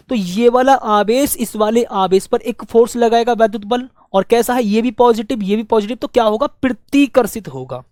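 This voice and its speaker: A male teacher giving a physics lesson, repeating phrases slowly so students can write them down. He asks questions and answers them himself, and keeps coaxing the students as dear friends. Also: sits high, darkish tone, no echo, studio quality. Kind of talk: physics lesson with dictated notes.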